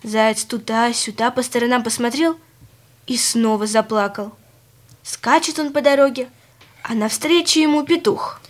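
A woman narrating a children's fairy tale in a gentle, expressive storytelling manner. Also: on the high side, a little slow.

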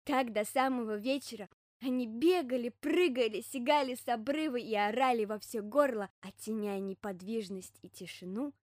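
A woman narrating a children's story in a calm, gentle storytelling manner. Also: fairly high pitch, normal speed, dry recording, clean studio sound. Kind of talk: storybook reading.

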